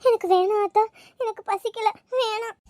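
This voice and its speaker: An anxious young wife from a cartoon, voiced by a woman, pleading and tearful. Her voice is very high and thin. It is recorded dry and close. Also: fairly even intonation, normal speed, darkish tone, dry recording. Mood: withdrawn. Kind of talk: cartoon voice acting.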